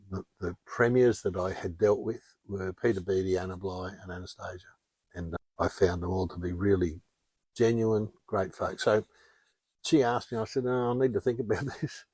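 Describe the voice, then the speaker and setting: An older Australian man telling stories in a relaxed, wry way as a podcast guest. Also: low voice, breathy edge, no room sound. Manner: chatty, anecdotal, wry. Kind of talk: casual interview storytelling.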